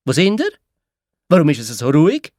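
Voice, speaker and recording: A man's voice: a little high, wildly swooping pitch, brisk, darkish tone, no echo, clean studio sound. A man with a Swiss German accent voicing a mother who calls out and questions her children in a children's audio story. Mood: calling. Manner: calling out, questioning. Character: mother, grown woman, brisk and puzzled.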